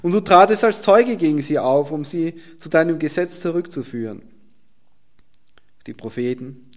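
A male preacher giving a sermon and reading scripture, swinging from loud emphasis down to a soft near-whisper. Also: on the high side, animated, normal speed.

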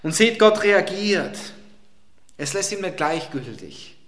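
A male preacher with a fairly high voice, delivering a sermon with big swings from loud emphasis to near-hushed lines. His voice carries a roomy echo around it. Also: expressive, takes it slowly.

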